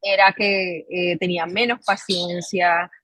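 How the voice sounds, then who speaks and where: A woman answers interview questions. Her husky voice is recorded dry and close. She pauses often and fills the gaps with soft fillers as she explains. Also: on the low side, little pitch movement, no room sound, rough recording. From Colombia, Caribbean coast. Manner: measured, with frequent pauses and fillers. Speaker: psychologist and mindfulness coach, guest. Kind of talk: interview guest, reflective storytelling.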